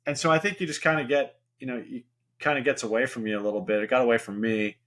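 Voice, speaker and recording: This middle-aged venture investor, appearing as a podcast guest, has a medium-pitched, somewhat bright voice and talks fast. His casual interview answers are candid and rambling, packed with "you know" fillers.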